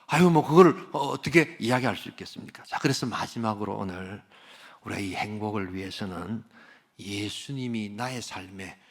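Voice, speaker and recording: An older man, a pastor, preaching a sermon with animated storytelling and sometimes dropping to a whisper. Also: on the low side, moderate pace.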